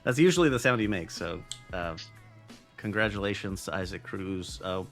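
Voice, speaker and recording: A man's voice: low-pitched, animated, moderate pace, faint music behind. A man co-hosting a boxing podcast in loose, profane casual chat, laughing often. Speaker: podcast co-host.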